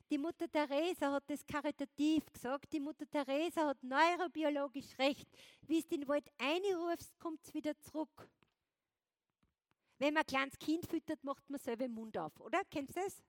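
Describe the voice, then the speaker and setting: A high-voiced woman gives a motivational keynote from a stage. She talks with lively energy and keeps checking in with the crowd. The sound is dry and close, picked up by a clip-on wireless mic. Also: normal speed, no room sound. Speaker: motivational speaker. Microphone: wireless clip-on transmitter.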